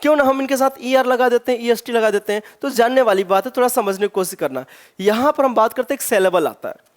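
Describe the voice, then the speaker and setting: Man, english teacher, exam-prep grammar lesson, keeps asking questions, drawn-out example words. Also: extremely high pitch, lively intonation. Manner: rhetorical questions, slow stressed example words.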